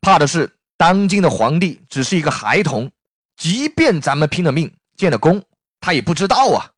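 A man voicing a plain-spoken common soldier who urges loudly, as a storyteller. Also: fairly high pitch, sing-song, normal speed, no room sound, clean studio sound. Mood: urging.

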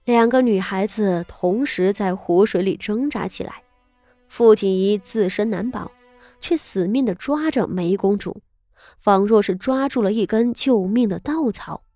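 A woman narrates a serialized story in a mellow, warm voice. Her reading is dramatic and expressive, with tense pauses. The sound is dry and close, with soft music underneath. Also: medium pitch, no echo. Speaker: audiobook narrator.

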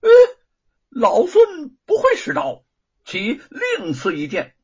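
A man voicing a boastful Monkey King in a storybook telling, with a shrill, fussy, demanding manner. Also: wildly swooping pitch, takes it slowly, breathy edge, heavily acted. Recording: dull lo-fi recording.

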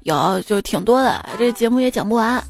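A woman's voice: fairly high pitch, moderate pace. Playful young woman podcast host over music. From Xi'an, China. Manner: playful, animated, slips into local dialect for jokes. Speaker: radio comedy podcast host. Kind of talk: scripted comic storytelling. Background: background music.

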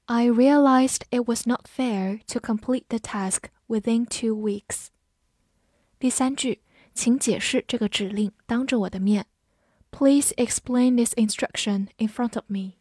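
A woman's voice: on the high side, unhurried, a little mellow, no echo, studio quality. A woman teaching English vocabulary, saying each word twice and then giving its meanings, in scripted lesson narration.

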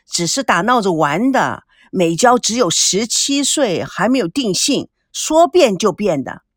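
A woman voicing a cheeky, joking young man who turns wistful, with a lively delivery in a dry recording. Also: medium pitch, measured pace, dry recording. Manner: joking, cheeky, sometimes sighing.

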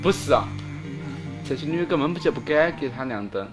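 Male panelist, Sichuanese accent, rapid casual talk, emphatic, clear music bed underneath. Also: fairly high pitch, animated. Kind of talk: casual opinionated chat. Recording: prominent music behind the talk.

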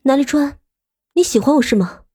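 A man voicing a furious young woman who shouts accusations in a shrill falsetto. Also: moderate pace. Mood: cold.

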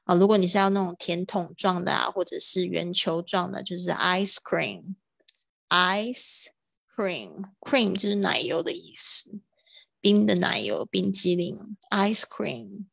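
A woman teaching English vocabulary in a livestream, drawing out model words slowly between quick explanations. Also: fairly low pitch, vocal fry, a bit bright, slightly rough, no room sound.

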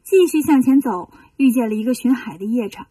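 A woman reads a children's story aloud in a lively, expressive voice. Her tone is mellow and slightly breathy, fairly high. The sound is dry, with the voice set a little back from the mic. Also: a little fast, no room sound, distant mic.

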